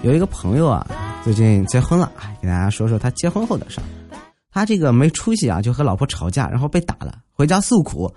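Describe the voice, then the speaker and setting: Soft music plays behind a podcast host whose medium-pitched voice has a dark tone and a sing-song lilt. He talks fast, telling amusing everyday stories in a joking, conversational way and performing the quoted lines.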